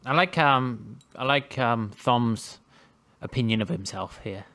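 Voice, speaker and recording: A man's voice: mid-range voice, unhurried, pushed and bright. A man co-hosting a casual book podcast, easygoing and agreeable, often asking questions. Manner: agreeable, lots of yeahs, asks questions. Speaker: podcast co-host. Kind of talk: casual book discussion chat.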